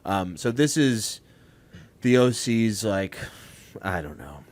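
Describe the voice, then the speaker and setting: Podcast host, male, lowish voice, loose rambling delivery with lots of ums. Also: expressive, slow, a little mellow. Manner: rambling, filler-heavy, laughs often. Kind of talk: casual chat.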